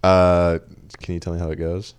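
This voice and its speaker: A man's voice: sits low, monotone, moderate pace, smooth. A young man co-hosting a podcast in casual chat, with dry, teasing banter. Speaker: podcast co-host.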